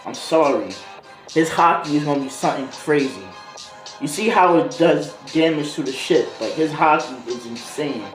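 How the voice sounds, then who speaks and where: A video host tells a story casually, his slangy, rambling speech improvised on the fly and wandering into tangents. His fairly high voice is animated at normal speed, with a roomy echo and a music beat playing behind him.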